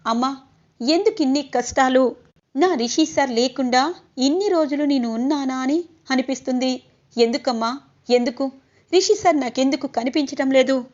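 A woman's voice: high voice, moderate pace, long pauses, a little mellow, close to an everyday voice. A woman reading the lines of a devoted, heartbroken young woman who pleads emotionally. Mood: pleading. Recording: slightly dull lo-fi audio.

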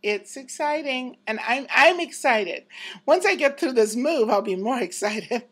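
In her apartment, a woman in her fifties holds a camera close and chats reflectively to viewers in a casual personal vlog, laughing often. Her voice is on the high side, a little slow, with lively intonation, and there's background noise.

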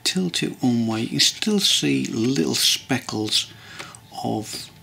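A man's voice: medium pitch, expressive, takes it slowly, vocal fry, sharp tone, a little hiss or hum. A man casually narrating a model-building tutorial at his workbench, rambling and hesitant with many ums and restarts. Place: hobby workbench indoors.

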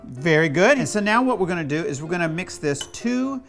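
A middle-aged cooking show host and children's author leads a playful demonstration in his home kitchen, giving step-by-step instructions in a teasing, slightly bossy way. His voice is high, sing-song, a little fast and fairly bright, with faint music behind.

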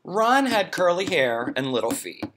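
A man reading a children's storybook aloud in a playful, expressive way. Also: sits high, a little slow, a little hiss or hum. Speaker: reader.

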